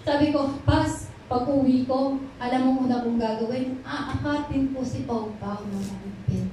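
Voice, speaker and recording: A woman's voice: sits high, unhurried, warm tone, slight background noise. A woman pastor giving an emotional testimony sermon, mixing English into her speech. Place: church hall. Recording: very echoey, from far off.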